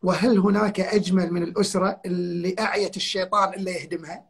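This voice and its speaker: A man's voice: high voice, steady tone, fast talker, slightly rough. An older man, a guest on a live online talk, telling stories emphatically and repeating his key points over a video call. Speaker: guest counselor.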